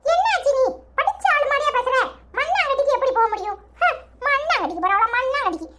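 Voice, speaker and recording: A woman's voice: extremely high pitch, lively intonation, quick pace, voice pushed up, full character voice. A woman voicing a cheeky, teasing village grandson in a cartoon, with a Tirunelveli accent and a chuckling, bantering manner. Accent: Tirunelveli Tamil. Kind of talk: cartoon voice acting. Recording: loud background noise.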